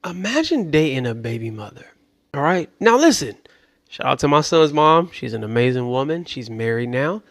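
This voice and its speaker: A man's voice: mid-range voice, big pitch swings, moderate pace, no room sound, clean studio sound. A man hosting casual reaction commentary, loose and joking, sometimes dropping into mutters. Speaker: commentary host.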